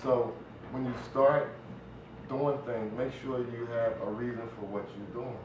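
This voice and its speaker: Recorded from a distance in a very echoey, noisy room, a middle-aged American playwright talks casually but earnestly as an interview guest. He speaks at a measured pace in a level, medium-pitched voice, frequently slipping in asides.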